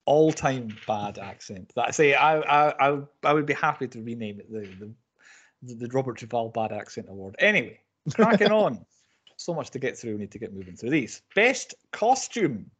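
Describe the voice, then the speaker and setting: A man hosting a casual film podcast, talking in an animated, rambling way and often correcting himself. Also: mid-range voice, moderate pace, slightly rough. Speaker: podcast host.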